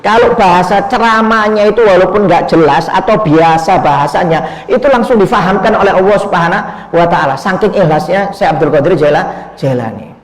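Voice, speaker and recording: A man's voice: high-pitched, a little fast. A man preaching in a storytelling way, often breaking off words and restarting them. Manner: repetitive, cuts off and restarts words, addresses listeners as "Pak". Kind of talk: sermon storytelling. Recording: echoey hall.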